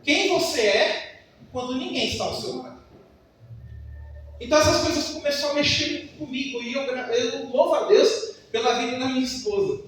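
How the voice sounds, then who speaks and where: A man with a very high, fairly bright voice preaches a sermon in a church at normal speed, emphatic and full of personal stories. He's recorded from far off in an echoey church hall, with a little hiss or hum.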